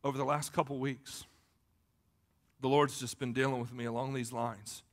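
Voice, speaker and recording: A male pastor preaching a fervent sermon, at times rising to shouts. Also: mid-range voice, flat delivery, moderate pace.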